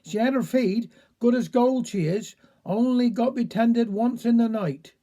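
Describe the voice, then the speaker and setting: A brisk, no-nonsense Cornish village woman speaks her mind matter-of-factly, voiced by a man. Her voice is high and mellow.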